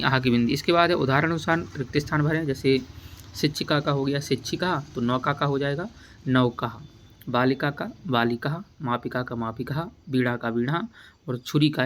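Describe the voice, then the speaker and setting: A man at a middle pitch teaching a children's lesson. He repeats each word aloud and asks quick questions as he goes. A faint hiss of noise sits under the recording. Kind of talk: classroom lesson walkthrough.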